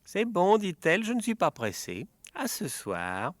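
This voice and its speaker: A man voicing a spiteful old female witch with a shrill, sour, nasty voice, reading a storybook tale. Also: wildly swooping pitch, a little slow, no echo, exaggerated voice. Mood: smug. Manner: sneering, taunting.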